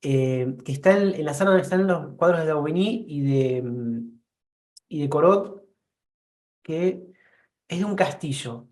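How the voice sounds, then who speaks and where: A man's voice: on the high side, measured pace, darkish tone. A man with a Rioplatense Spanish accent joining a live online painting class, speaking hesitantly and searching for words.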